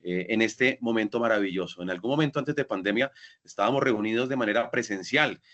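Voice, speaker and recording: A man's voice: on the low side, brisk, fairly bright tone, lo-fi sound. A man acting as master of ceremonies, giving a formal welcome over a video call in a ceremonious way with some fillers.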